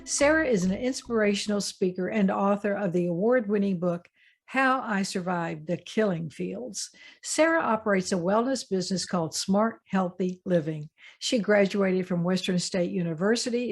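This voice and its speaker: A woman hosts an interview show, reading a prepared introduction before moving on to conversational questions. Her voice sits at a middle pitch and she speaks at an ordinary pace. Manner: scripted introduction, then friendly questions. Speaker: host. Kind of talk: interview hosting.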